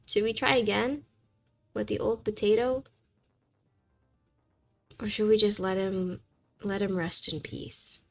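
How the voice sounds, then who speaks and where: A young woman streaming a game, chatting in a rambling, animated way and pleading with herself when the game gets tense. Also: mid-range voice, slow, vocal fry, long pauses, soft background music. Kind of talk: casual gameplay chat.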